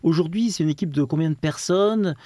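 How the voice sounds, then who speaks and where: A man's voice: on the high side, a little fast, mellow, no room sound. A man interviewing and introducing a guest, speaking emphatically and full of praise. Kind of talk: enthusiastic interview presentation.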